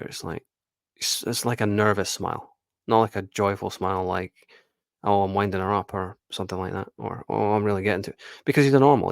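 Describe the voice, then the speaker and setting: A man's voice: low voice, vocal fry, dry recording, studio quality. A man giving blunt, casual commentary on a reality show, swearing and laughing now and then.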